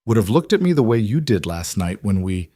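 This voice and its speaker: A man voicing a gentle, earnest single father who speaks softly and reassuringly in a storybook. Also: fairly low pitch, sing-song, fairly quick, dry recording, clean studio sound. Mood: tender.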